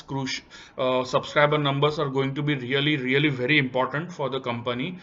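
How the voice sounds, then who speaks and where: A man with an Indian accent and a sharp, mid-range voice walks through a company analysis over slides, explaining step by step and stressing key points. His commentary is semi-scripted, and the recording is dull and lo-fi.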